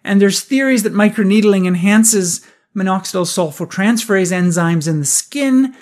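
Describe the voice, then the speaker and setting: A man hosting a podcast, briskly explaining research findings and asking rhetorical questions. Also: high-pitched, darkish tone. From Canada. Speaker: podcast host. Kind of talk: scripted research review.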